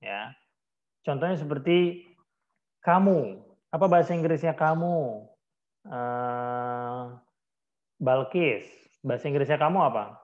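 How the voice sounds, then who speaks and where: A male teacher with an Indonesian accent leads an online English class, slowing right down for each English phrase. He clears his throat now and then. The sound is dull and a little muffled, like a lo-fi video call. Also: medium pitch, lively intonation, darkish tone. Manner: slow, deliberate English phrases amid Indonesian explanation.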